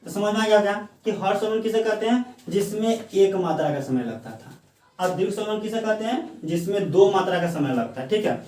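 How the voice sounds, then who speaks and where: Guy teaching grammar, high voice, keeps quizzing then answering himself, sounds far from the mic. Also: expressive, darkish tone, a little hiss or hum. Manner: asks rhetorical questions and answers them himself; dictates slowly word by word for notes. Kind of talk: classroom grammar lesson. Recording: echoey room, mic at a distance.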